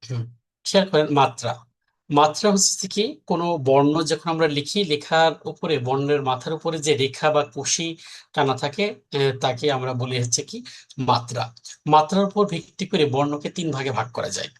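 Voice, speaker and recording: A man's voice: on the high side, fairly quick. A man, teaching a recorded exam-prep lesson in a conversational way, explaining step by step and often checking that his listeners follow.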